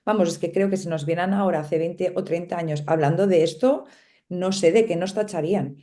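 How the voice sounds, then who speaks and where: A middle-aged woman with a Spain Spanish accent speaks as a panel guest in casual conversation. Her voice sits a little low and sounds mellow and soft. She talks in a thoughtful, musing way, checking in with her listeners as she goes. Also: fairly quick. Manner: reflective, lots of tag questions and small laughs.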